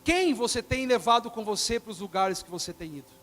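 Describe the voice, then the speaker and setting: A man preaching with a very high voice for a man. He talks animatedly, acting out the quoted lines himself. He swings from loud bursts down to near-hushed asides. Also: lively intonation, fast talker. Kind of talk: sermon.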